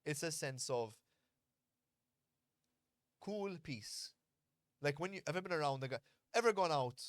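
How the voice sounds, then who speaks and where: In a clean studio recording with no echo, a fight coach from Malta who hosts a podcast holds forth in relaxed conversation. He speaks a little slowly in a slightly high, expressive voice, and he's outspoken and sincere, going into long explanations and cursing liberally.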